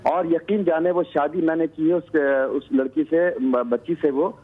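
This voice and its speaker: A middle-aged man from Pakistan calling in to a show, sharing a story earnestly and haltingly. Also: fairly high pitch, steady tone. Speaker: caller. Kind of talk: phone-in call. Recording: tinny phone line, husky.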